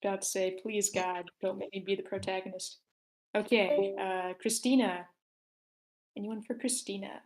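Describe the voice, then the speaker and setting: In a low-quality recording of an online voice call, a woman hosts a table read, assigning parts and organizing the group with casual courtesy. Her mid-range voice has a darkish tone and a flat delivery at a moderate pace.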